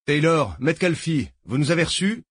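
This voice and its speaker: A man's voice: fairly high pitch, animated, moderate pace, breathy edge, dry recording, clean studio sound, voice pushed up. A man voicing a curt, commanding male federal agent giving clipped orders over the radio.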